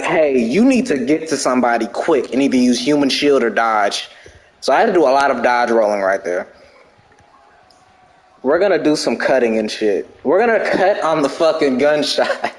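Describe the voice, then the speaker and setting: A man in his twenties giving casual, laid-back let's-play commentary, chatty and full of swearing. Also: mid-range voice. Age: 20s. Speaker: gaming video creator.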